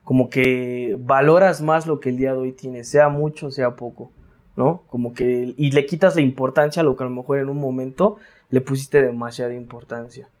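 A man's voice: mid-range voice, fairly even intonation, normal speed, a little mellow. A Mexican man talking casually as an interview guest, slangy, with many restarts and tag questions. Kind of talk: casual reflective interview talk.

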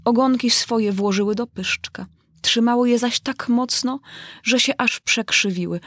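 A woman voicing a fussy, easily offended male griffin who tells things briskly and eagerly. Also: fairly high pitch, a bit bright, no room sound, clean studio sound, pitched above the performer's own voice.

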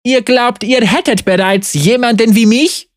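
A woman's voice: a little high, measured pace, dry recording, studio quality, pitched above the performer's own voice, lightly acted. A woman doing a proud, scornful young sorceress. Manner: scornful, assertive.

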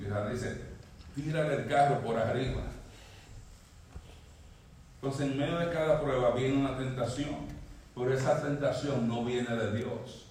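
A male pastor preaching a sermon, swinging from emphatic high peaks down to low quiet lines. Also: slight background noise. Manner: preaching, rising emphatically, then dropping low. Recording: echoey hall, mic at a distance.

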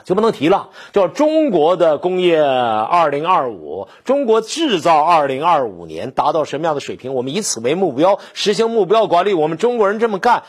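A man's voice: a little high, slightly rough. A man giving a combative political commentary monologue, full of rhetorical questions and colloquial turns.

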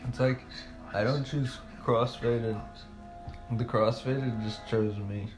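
A man's voice: mid-range voice, steady tone, slow pace, music in the background, rough recording. A young man joking around in a laid-back, casual chat with a friend.

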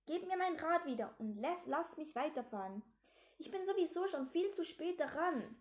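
Woman doing a cornered young boy, storybook read-aloud; high, pleading, stammering. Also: animated, normal speed, a little mellow. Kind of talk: storybook reading.

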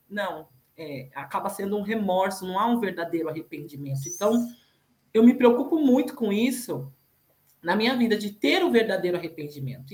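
A woman with a Brazilian Portuguese accent giving an informal, earnest religious reflection, repeating words for emphasis. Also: fairly high pitch. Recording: roomy, echoing sound.

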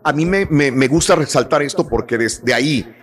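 A man's voice: mid-range voice, moderate pace. A man with a Mexican accent hosting a radio show in a conversational, emphatic way, repeating phrases for stress.

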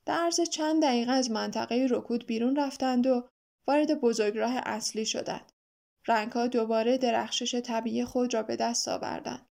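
A woman narrating a children's story in a calm, even reading voice. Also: fairly high pitch, gravelly. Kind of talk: scripted audiobook narration.

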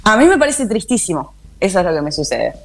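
A woman with an Argentine Spanish accent co-hosts a radio show, chatting casually and animatedly in slang and acting out song lyrics. She has a medium pitch and talks fast.

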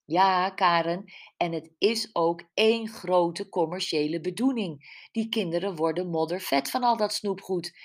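A woman's voice: lowish voice, a little slow. A woman voicing a fussy older mother from a village who grumbles and scolds, read in an audiobook. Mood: grumbling. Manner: scolding, complaining.

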